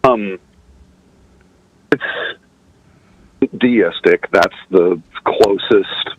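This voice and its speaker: A man calling in to a show, speaking in a halting, hesitant way while his call audio glitches and clips the starts and ends of his words. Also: sits low, dry recording, dull audio. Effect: glitchy call audio, starts and ends of words cut out. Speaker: caller. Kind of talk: casual call-in conversation.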